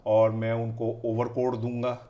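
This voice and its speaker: A man's voice: medium pitch, completely flat delivery, mellow. A man giving heated political commentary as an analyst, speaking in an impassioned, rhetorical way and piling up questions.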